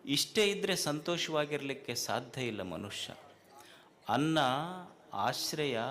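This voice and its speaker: A man with a North Karnataka Kannada accent giving a spiritual talk to a festival crowd, repeating lines and asking rhetorical questions with rising emphasis. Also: fairly high pitch. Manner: hushes the crowd firmly and jokingly. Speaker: speaker addressing a festival gathering.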